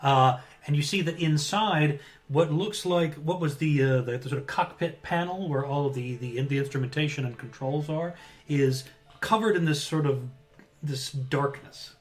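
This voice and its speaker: A man's voice: a little high, normal speed. A man narrating an improvised tabletop game as game master, searching for words as he goes.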